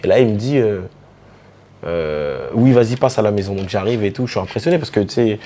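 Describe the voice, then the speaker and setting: A man from the French Caribbean, a DJ and artist telling stories in a relaxed interview, with many fillers and restarts. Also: on the low side, fairly quick, a little hiss or hum. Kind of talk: casual storytelling interview.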